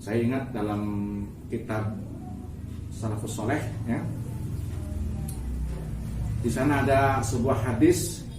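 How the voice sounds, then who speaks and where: A man's voice: medium pitch, steady tone, slow pace, pauses often, music in the background. A man giving an explanatory religious talk in a didactic way, phrase by phrase. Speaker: interviewed religious teacher. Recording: echoey, noisy, distant mic.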